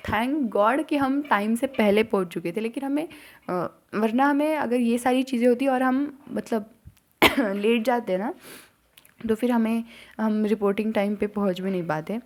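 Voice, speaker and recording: A young woman from India, a student vlogger chatting casually to camera and telling a story with animated rushes and soft near-whispered asides. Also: fairly high pitch. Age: young adult. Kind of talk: casual chat.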